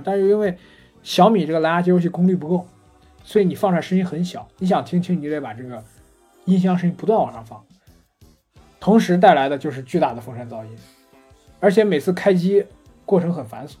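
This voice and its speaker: A man co-hosting a casual podcast chat, telling anecdotes in a lively, chatty way. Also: a little high, breathy edge. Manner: chatty storyteller, animated retelling of anecdotes. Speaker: podcast co-host. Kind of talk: casual chat about gadgets.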